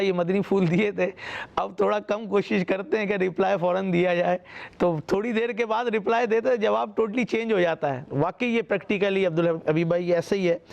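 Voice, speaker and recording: A man's voice: high-pitched, gravelly. A man with a Pakistani accent hosting a religious talk show, affirming and building on his guest's points. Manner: affirming, interjecting praise.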